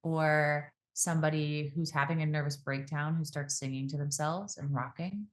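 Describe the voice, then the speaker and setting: A calm, reflective woman appears as a podcast guest and speaking coach. She slows down and changes her pace and pitch to demonstrate how a voice can be used.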